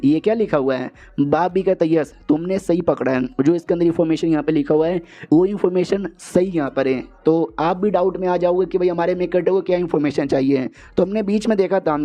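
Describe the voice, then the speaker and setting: A man's voice: sits high, mellow, dull audio. A man casually retelling a comic story in a slangy, chatty way, with lots of filler phrases. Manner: slangy, chatty, repeats filler phrases, calls listener brother. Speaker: manhwa recap narrator.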